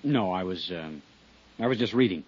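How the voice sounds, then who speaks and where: A man's voice: sits low, animated, a little mellow, husky, dry recording. An actor playing a nervous young man in an old radio drama, answering hesitantly. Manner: hesitant, halting. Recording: dull lo-fi old radio broadcast.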